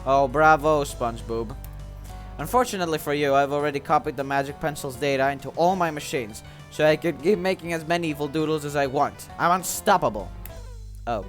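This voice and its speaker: A man voicing a tiny, grandiose cartoon villain from a game, gloating with slow, theatrical menace. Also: on the high side, faint music behind, natural voice. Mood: smug, menacing. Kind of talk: acted reading of cartoon game dialogue.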